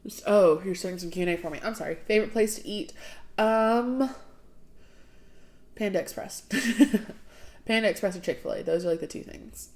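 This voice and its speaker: A woman's voice: medium pitch, moderate pace, long pauses, darkish tone. A young woman from the southern United States chatting casually on a livestream, laughing often and sniffling from draining sinuses as she answers viewer questions. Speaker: livestream host.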